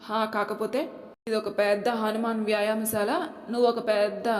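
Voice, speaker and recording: A woman's voice: medium pitch, flat delivery, moderate pace, lightly acted. A woman voicing a playful, mischievous young wife in an audio story, in an echoey room. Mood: cheeky. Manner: mischievous, teasing. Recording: echoey room with long reverb.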